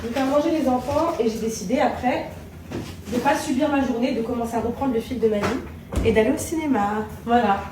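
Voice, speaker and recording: A woman talks casually to her camera in a home kitchen, warmly confiding in her viewers. Her voice sits a little high, and it sounds roomy and distant from the mic. Household noise can be heard clearly in the background. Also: fairly quick. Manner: chatty and confiding, addresses viewers as pets; soft and tender with her children. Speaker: vlogger.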